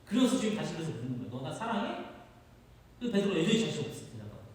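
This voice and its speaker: A man's voice: a little high, very animated, rapid-fire, darkish tone. A male pastor preaching a sermon, often asking the congregation questions and acting out quotes, heard far off in a chapel hall. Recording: echoey hall, far from mic.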